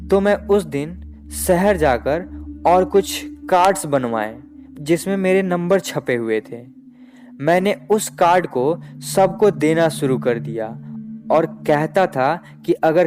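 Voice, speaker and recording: A man narrating a first-person horror story in slow, measured storytelling. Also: fairly high pitch. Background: background music.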